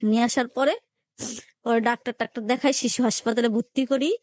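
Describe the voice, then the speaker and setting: A woman with a slightly high, darkish voice and fairly even intonation talks fairly quickly, telling her life story with emotion. She has a colloquial Dhaka-area Bangladeshi Bengali accent and acts out the conversations in dialect, recorded with no room sound.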